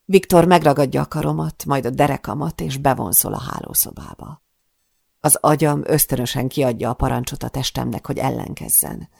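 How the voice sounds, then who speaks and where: Woman reading a thriller audiobook, dramatic and breathless, super gravelly creaky voice, dry close sound. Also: a bass voice, a little mellow, dry recording. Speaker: audiobook narrator. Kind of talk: first-person audiobook narration.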